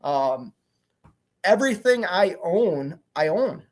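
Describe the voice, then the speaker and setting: In his forties, this truck owner-operator rambles candidly through a livestream, answering viewer comments and often saying "you know what I mean." His voice is high-pitched with big swings in pitch, and he takes his time.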